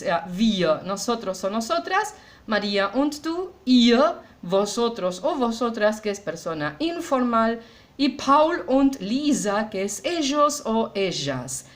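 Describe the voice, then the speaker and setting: A woman leads a German lesson in a fairly high voice. Her pitch moves up and down a lot as she explains the grammar. She slows down to say each German example sentence with care and often stops to ask "¿ya?". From Argentina. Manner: checks understanding with a frequent "¿ya?". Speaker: German teacher. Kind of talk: explaining grammar exercises in a recorded class.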